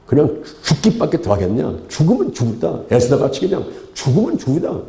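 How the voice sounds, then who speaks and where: A man's voice: on the high side, sing-song, fairly quick, gravelly, warm tone. Emphatic preaching male pastor, echoey hall. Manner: emphatic, repetitive, rhetorical questions to congregation. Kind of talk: sermon. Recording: roomy church hall echo.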